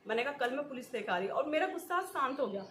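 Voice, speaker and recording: A woman's voice: sits high, expressive, fast, fairly bright tone. A woman, talking in an emotional personal vlog, in short repeated phrases and often breaking into nervous laughs. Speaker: vlogger. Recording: echoey room with faint ambient noise.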